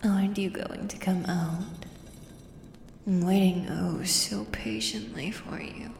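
In an ASMR role-play, a woman acts out a menacing female beast with an axe, taunting its human prey like a predatory beast-man. The delivery is very slow and the tone dark and low-lit. Long echoing reverb surrounds the voice. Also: steady tone, gravelly. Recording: echoey cavern-like reverb, audible background noise.

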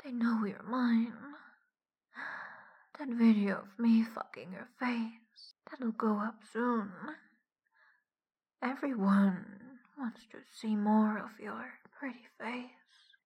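A woman giving a whispered audio roleplay in a soft, teasing whisper as the dominant partner. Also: on the high side, steady tone, slow, breathy edge, muffled recording.

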